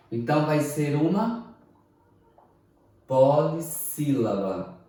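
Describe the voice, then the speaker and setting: A man teaching a recorded class, speaking slowly and deliberately, spelling out words syllable by syllable and often checking "ok?". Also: medium pitch, a little mellow. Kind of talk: recorded online class lecture. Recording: echoey room, mic far off.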